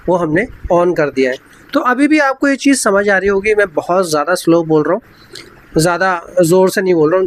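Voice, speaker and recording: A man giving a casual product review vlog, explaining step by step in an unhurried way and talking straight to his viewers. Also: sits high, slight background noise. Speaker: tech reviewer vlogger. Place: indoor room. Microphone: wireless clip mic into phone.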